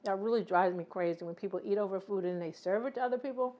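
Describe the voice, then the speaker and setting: A woman's voice: mid-range voice, fast, mellow. A middle-aged woman hosting a casual cooking demonstration, chatty and teasing with her family. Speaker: cooking show host.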